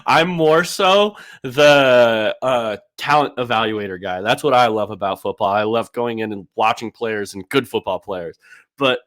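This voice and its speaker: A man's voice: lowish voice, moderate pace, fairly bright tone. A man co-hosting a sports podcast, talking enthusiastically and poking fun at himself. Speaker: podcast co-host. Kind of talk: casual sports talk.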